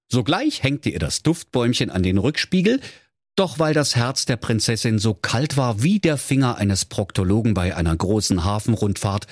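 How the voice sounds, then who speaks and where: A man's voice: fairly low pitch, husky, no echo, studio quality. A man narrating a comic fairy-tale parody in a mock-solemn storytelling manner.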